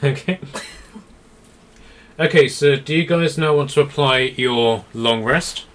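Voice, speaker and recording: A man narrating a tabletop game as game master, in a halting, rambling, improvised way. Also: medium pitch, fairly bright tone.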